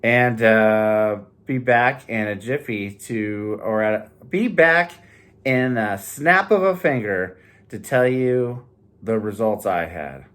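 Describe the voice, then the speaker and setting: A man's voice: on the low side, slow, a bit bright. A man hosting a health vlog, talking casually and reading out points with rambling, jokey asides. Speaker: host of a health challenge series.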